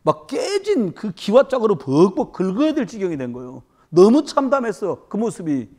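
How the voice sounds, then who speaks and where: A woman's voice: medium pitch, very animated, normal speed, mellow. A woman pastor preaching a sermon at a church service, firing rhetorical questions at the congregation.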